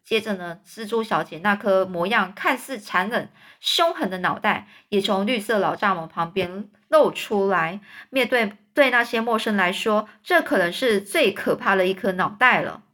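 A woman's voice: mid-range voice, lively intonation, moderate pace, hardly any pauses, a bit bright. A woman reading a children's book aloud and stopping to explain hard words. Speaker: storyteller for children.

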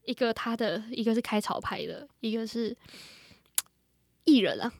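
Young taiwanese-accented girl just chatting, kinda high voice, tells it animatedly, dry recording. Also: normal speed, creaky, darkish tone, no echo. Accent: Taiwanese Mandarin. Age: young adult. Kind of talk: casual chat.

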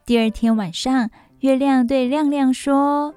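Radio lady reading a kids' bedtime story, highish expressive voice, soft music behind. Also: measured pace, clean tone. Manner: warm, expressive storyteller with asides to listeners. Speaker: radio show host. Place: radio studio.

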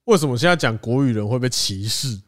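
A young man with a Taiwanese Mandarin accent, co-hosting a casual chat podcast, telling animated stories and laughing often. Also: medium pitch, fast talker. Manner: animated storyteller, acts out quoted voices, laughs often. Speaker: podcast co-host.

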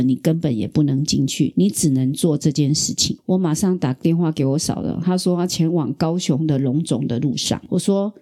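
A middle-aged woman from Taiwan hosting a podcast, telling a personal story in a lively, chatty way. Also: low-pitched. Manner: animated storyteller, acts out quoted voices. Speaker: podcast host. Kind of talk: casual storytelling.

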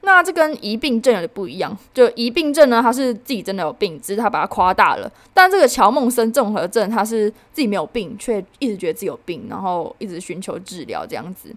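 A woman's voice: big pitch swings, fast, few pauses. Chatty young Taiwanese woman host. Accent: Taiwanese Mandarin. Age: young adult, about 19. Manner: chatty, many fillers and frequent pitch jumps for emphasis. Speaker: podcast host. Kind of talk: casual news-recap podcast.

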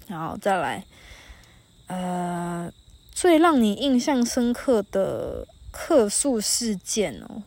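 Sitting by a campfire at a mountain campsite, this solo podcast host, a woman in her thirties from northern Taiwan, chats casually in Taiwanese-accented Mandarin. She tells anecdotes, quotes others, and laughs now and then, in a medium-pitched, creaky, slightly mellow voice.

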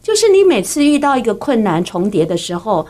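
A woman's voice: on the high side, sing-song, fairly quick, dark tone. A woman with a Taiwanese Mandarin accent hosting an interview, answering her guest with affirming, empathetic remarks. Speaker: podcast host. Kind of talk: supportive interview conversation.

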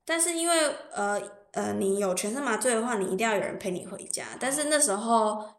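Guest, female, higher voice, animated storyteller with English asides, echoey room. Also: a little fast. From Taiwan. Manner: animated, laughs often, drops English phrases. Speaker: podcast guest. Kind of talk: casual storytelling chat.

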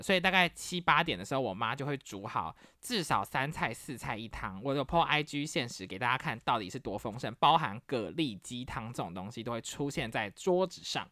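This is a casual storytelling monologue from a podcast host, a Taiwanese woman with a very deep voice who chats about her family and brings each quoted relative to life. The studio recording is clean and echo-free.

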